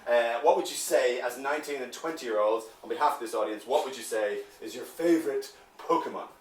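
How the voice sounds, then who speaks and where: A man's voice: mid-range voice, fairly quick. A man with an Irish accent working the crowd as a comedy club MC, brash and full of swearing banter. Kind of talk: stand-up crowd work. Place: upstairs comedy room in a bar. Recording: echoey room from far off, loud noise. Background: audience laughing.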